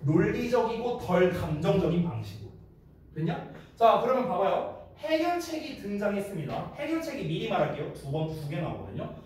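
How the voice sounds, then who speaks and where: A man's voice: high voice, sing-song, fairly quick, a little mellow, a little hiss or hum. A man in his thirties teaching an exam-prep English lecture, casual and teasing, often checking in with his students. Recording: echoey room, mic at a distance.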